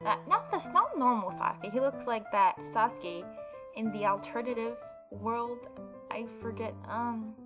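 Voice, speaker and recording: A woman gaming YouTuber reads visual novel narration aloud, tossing in casual asides. Her fairly high voice is animated and a little slow, with the game's music playing behind her.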